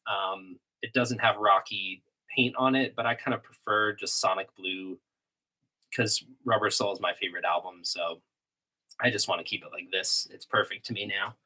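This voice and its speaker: Slightly sick and sniffly, a livestream host answers chat questions about guitar, picking up the instrument between replies. His fairly low voice keeps a moderate pace as he rambles, full of ums and false starts. The rough recording comes from an iMac desktop mic on a home computer.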